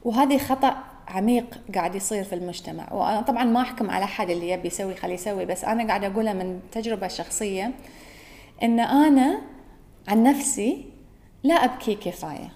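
A woman with a Gulf Arabic accent muses earnestly alone on her podcast, fixing her own words along the way. She speaks quickly in a mid-range voice with a dark tone.

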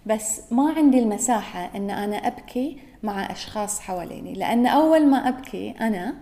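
A woman's voice: medium pitch, animated, fast, dark tone. A woman with a Gulf Arabic accent hosting a podcast, talking in an earnest, musing solo monologue and correcting herself as she goes. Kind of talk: reflective solo talk.

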